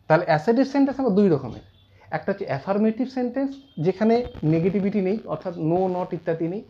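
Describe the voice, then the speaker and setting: Mellow-voiced teacher explaining grammar. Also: male voice, high voice, animated, lo-fi sound. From India. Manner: explains slowly, repeats terms, quotes example sentences. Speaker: English teacher. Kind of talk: classroom grammar lesson.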